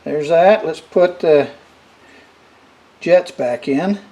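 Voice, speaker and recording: A middle-aged man giving a casual hands-on tutorial as he works, halting and unhurried, in a workshop with rain on a tin roof. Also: fairly high pitch, warm tone, lo-fi sound. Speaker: repair demonstrator. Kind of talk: hands-on tutorial, casual talk while working. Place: workshop with metal roof, indoors. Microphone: camera over the workbench. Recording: noisy shop, rain on metal roof. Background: rain drumming on tin roof.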